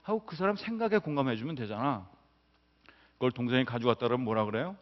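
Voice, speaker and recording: A man's voice: mid-range voice, fast. Middle-aged guy professor lecturing, tells stories w/ voices, echoey hall, muffled sound. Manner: lively storyteller acting out quotes. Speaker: business professor. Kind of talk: public lecture. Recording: roomy hall, dull lo-fi sound.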